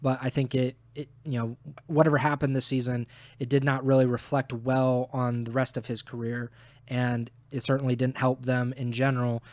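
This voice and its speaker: A man's voice: medium pitch, little pitch movement, moderate pace, a little mellow, dry recording. A man co-hosting a podcast, giving blunt opinions on esports while losing his voice. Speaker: podcast co-host. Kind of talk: casual esports analysis chat.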